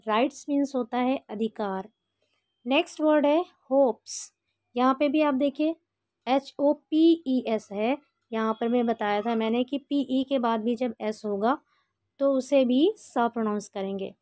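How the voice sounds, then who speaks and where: High-voiced Indian woman teaching. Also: a little mellow, no room sound. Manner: slow, patient, step-by-step explaining. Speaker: English pronunciation teacher. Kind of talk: explaining a lesson in Hindi.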